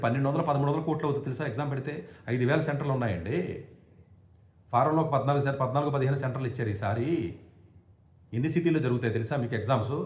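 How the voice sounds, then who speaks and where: A man speaks at a breakneck pace, firing off indignant rhetorical questions and stumbling over restarts. His voice sits at an ordinary pitch. The recording has a roomy echo around it. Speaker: education commentator. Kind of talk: impassioned monologue.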